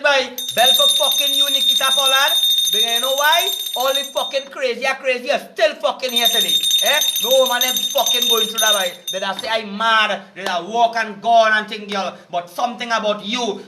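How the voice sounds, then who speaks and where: High-pitched cursing Trinidadian man ranting. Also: pushed and bright. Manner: heated, cursing, repetitive. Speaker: vlogger. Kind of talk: profane street-preaching rant.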